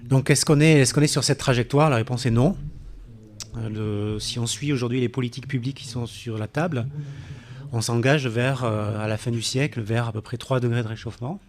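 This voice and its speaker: A man giving a public science talk in a café event room, hesitant with many fillers and restarts, sometimes drifting off the microphone. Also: medium pitch. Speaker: climate scientist speaker. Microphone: handheld mic, drifting off it.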